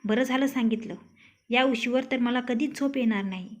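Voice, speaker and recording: A woman voicing a sharp-tongued, steady young wife in a storybook tale, speaking curtly and scolding. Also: a little high, normal speed, close to an everyday voice. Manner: curt, scolding. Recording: dull lo-fi recording.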